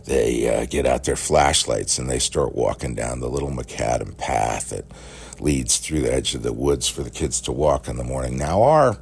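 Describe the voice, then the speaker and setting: A bass-voiced man spins a rambling tale from his own life, halting yet animated and folksy, his voice gravelly and husky.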